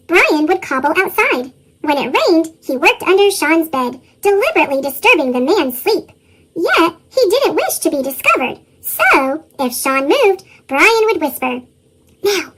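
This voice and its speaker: A storybook narrator whose voice is run through a sped-up chipmunk effect, reading a tale aloud with lively chuckles in the dialogue. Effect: sped-up, pitched-up chipmunk voice.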